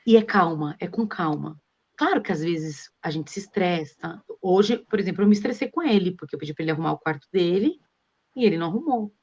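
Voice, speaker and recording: A woman's voice: fairly low pitch, lively intonation, a little fast, a little mellow. A woman, a guest on a live stream, telling stories earnestly and acting out what she says to her children. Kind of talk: casual live-stream conversation. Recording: dull lo-fi live-stream audio.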